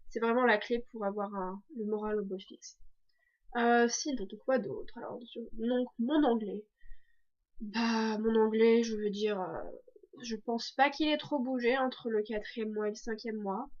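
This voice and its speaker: A woman's voice: a little high, fairly even intonation, measured pace, a little mellow. A teenage girl from France talking casually to camera in a video diary, chatty with many fillers and restarts. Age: teens. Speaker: exchange student vlogger. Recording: dull lo-fi sound.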